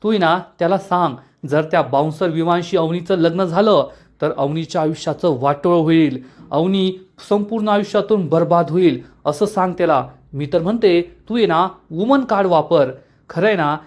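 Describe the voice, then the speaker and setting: A man's voice: sits high, close to an everyday voice. A man voicing a young woman who pleads and schemes to get her way, speaking persuasively.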